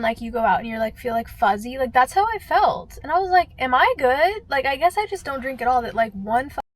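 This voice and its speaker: A young woman vlogging in casual chat, ranting with lots of fillers and swearing, her voice swinging from low mutters to loud outbursts. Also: rough recording. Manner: heavy filler use, frequent swearing.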